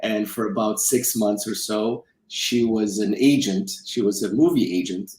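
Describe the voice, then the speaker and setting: As an interview guest, this middle-aged film executive producer and financial advisor recounts his life in a relaxed, conversational way, frequently rephrasing and repeating points. Originally from Romania, he grew up in South Dakota from childhood. His voice is on the low side, steady and darkish at a moderate pace, with a roomy sound.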